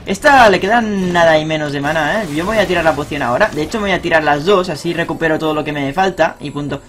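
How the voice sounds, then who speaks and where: A young man talks through his own match as he plays. His voice sits high for a man and jumps up in loud bursts of cheering, then drops back to quick, muttered analysis. A faint hiss of background noise runs under the talk. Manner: excitable, swears and shouts on big plays. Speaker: gaming streamer. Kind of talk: live gameplay commentary.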